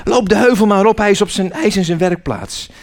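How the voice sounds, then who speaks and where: A man's voice: high voice, brisk, voice pushed up. A man voicing a cheerful, carefree wooden girl who talks in a light, breezy way.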